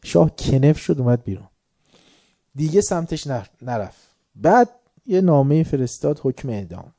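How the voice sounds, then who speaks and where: Man with a very dark, dry voice. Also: on the high side, dry recording. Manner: lively anecdotal telling, chuckling. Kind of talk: storytelling religious talk.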